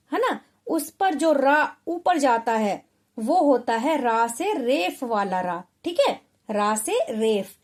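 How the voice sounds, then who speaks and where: A woman's voice: sits high, a little mellow. A woman teaching spelling to children, sounding out letters one by one and checking in often. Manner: sounds out letters slowly, often asks "ठीक है". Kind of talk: slow, patient spelling lesson.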